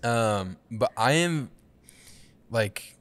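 A man's voice: medium pitch, animated, drawn-out words, dry recording. A man talking casually as a podcast guest, using hesitant fillers and easygoing slang.

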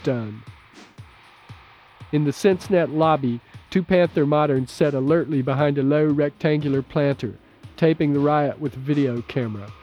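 A man narrating an audiobook in a measured, steady, low-key way. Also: lo-fi sound, soft background music. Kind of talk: scripted narration.

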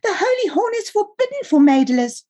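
A woman's voice: big pitch swings, normal speed, dark tone. A woman voicing a wheezy, whiny little boy who tattles on his sister while she reads her novel aloud. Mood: whiny tattling. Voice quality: wheezy, high and nasal. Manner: whining, self-righteous.

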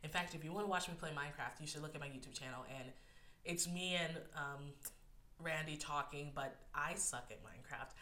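A young woman hosting a personal solo podcast speaks candidly and emotionally, close to tears, in a bright, slightly nasal voice pitched low. She talks a little fast, laughs often, and fills gaps with "like" and "um," recorded in an echoey room.

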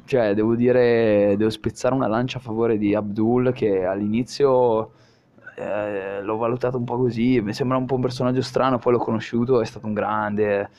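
Young adult male guest, casual, blunt, sweary, slang-heavy chat, mid-pitched. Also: steady tone, moderate pace, a little mellow, dull audio. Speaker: podcast interview guest.

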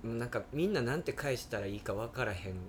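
Relaxed Kansai-accented man swapping stories. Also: mid-range voice, fast talker, slight background noise. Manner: relaxed, frequent backchannel nods, storytelling asides. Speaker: podcast co-host. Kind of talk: casual podcast chat.

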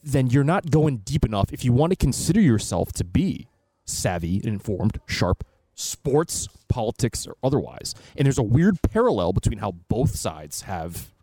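A man's voice: medium pitch, sing-song, normal speed, dark tone, no room sound. A man co-hosting a casual talk podcast, talking in long, opinionated, profane stretches. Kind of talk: casual political and media chat.

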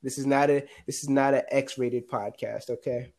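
A co-host of a casual podcast, playful and profane, tossing in quick agreements. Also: medium pitch, fairly even intonation, darkish tone.

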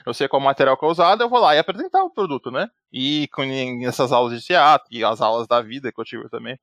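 Fast, gravelly man chatting on a podcast. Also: medium pitch, no echo, clean studio sound. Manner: rambling, peppers speech with "né" and "tipo", restarts often; animated, acts out quoted dialogue. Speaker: podcast co-host. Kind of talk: casual chat.

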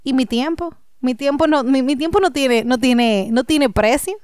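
A woman co-hosting a podcast in casual chat, animated and emphatic, laughing often. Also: high-pitched, moderate pace, clear, resonant tone, no echo, studio quality. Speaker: podcast co-host.

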